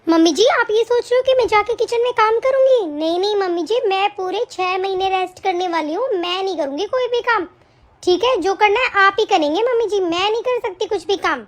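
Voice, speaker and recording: A woman's voice: very high-pitched, a little fast. A woman playing a demanding young mother who bosses her in-laws around, scolding and commanding in an amateur family drama. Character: young mother daughter-in-law, bossy and demanding.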